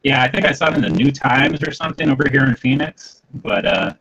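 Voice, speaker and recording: Husky gravelly guy chatting on a video call, bouncy pitch, laughs along. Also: brisk. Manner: easygoing, chuckling, lively. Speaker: interviewer. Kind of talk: casual chat on a video call. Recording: dull lo-fi call audio.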